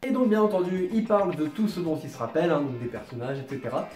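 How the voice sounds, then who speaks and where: Man, fast-talking comic host, mocking and self-deprecating, roomy echo with no proper mic. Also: on the high side, animated, a little mellow, faint music behind. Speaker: YouTube host. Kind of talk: comedic video commentary.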